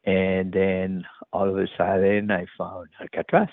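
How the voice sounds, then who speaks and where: Gravelly, halting man with a Chilean accent. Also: low voice, flat delivery, no echo. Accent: Chilean Spanish. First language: Spanish. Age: middle-aged. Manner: halting, many fillers and restarts, laughs easily. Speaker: open water swim coach. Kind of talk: casual interview answer. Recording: dry phone-like line.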